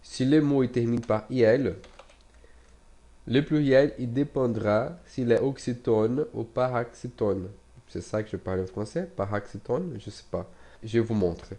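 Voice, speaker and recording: A man with a Brazilian Portuguese accent teaching a casual online language lesson in French, speaking slowly with many fillers and restarts, repeating and spelling out words as he types. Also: mid-range voice, mellow.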